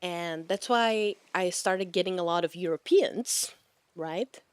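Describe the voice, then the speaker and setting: Slow-talking woman streamer. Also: fairly low pitch, smooth. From Czech Republic. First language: Czech. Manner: rambling, laughs often. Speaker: VTuber streamer. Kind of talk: casual chat with live chat.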